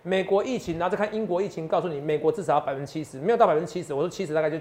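A man's voice: fairly high pitch, racing, darkish tone. A man, working as a stock market analyst and giving boastful finance talk show commentary full of rhetorical questions.

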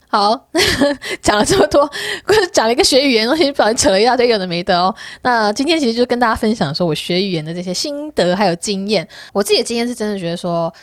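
A woman vlogger chats casually to her viewers, quick and animated, her pitch bouncing all over. She tells candid stories and laughs often. The sound is close and dry. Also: no echo. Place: Korea.

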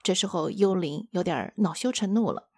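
Gravelly woman retelling a story. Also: medium pitch, brisk, no echo, studio quality. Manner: steady storytelling. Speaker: book-sharing host. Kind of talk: retelling a book chapter.

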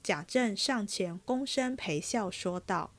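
A woman reading a classic novel aloud as a podcast host, in steady, measured storytelling. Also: medium pitch.

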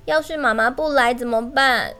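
A woman teacher, reading a children's picture book in a gentle, sing-song way and speaking directly to the children. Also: high voice, normal speed, soft background music. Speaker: kindergarten storyteller teacher.

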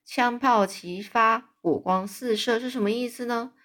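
A woman's voice: fairly high pitch, a little slow. A woman reading a children's book aloud, adding casual explanations and fillers. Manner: animated, adds chatty asides and fillers. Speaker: storyteller. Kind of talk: storybook read-aloud with explanations.

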